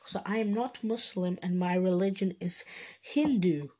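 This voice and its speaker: A woman's voice: fairly low pitch, unhurried, a little mellow. An eighteen-year-old woman from Bangladesh, hosting her own casual podcast. She rambles, hesitates and restarts her sentences often. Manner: chatty, informal. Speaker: podcast host. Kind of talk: casual solo podcast monologue.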